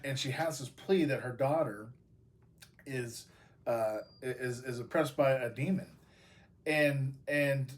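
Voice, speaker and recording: A man with an American accent, a pastor giving a casual devotional talk, talking loosely with many fillers and restarts. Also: a little high.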